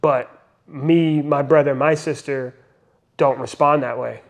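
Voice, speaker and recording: A man's voice: on the high side, fairly even intonation, a little slow. A young man and father talking earnestly in a casual podcast conversation, reflecting and using many fillers. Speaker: podcast co-host.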